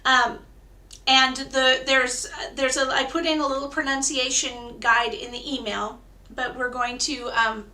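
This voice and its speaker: A woman's voice: high voice, sharp tone. A woman leading an online choir rehearsal, encouraging singers and teaching a simple round by ear, her voice a little tired. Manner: encouraging, coaching call-and-response, sings demonstrations. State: voice tiring. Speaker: choir director. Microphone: video call.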